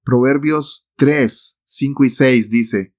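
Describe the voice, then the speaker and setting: A man's voice: mid-range voice, takes it slowly, a little mellow. A man giving a devotional talk to the listener, emphatic and repeating his key phrases. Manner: speaks directly to the listener.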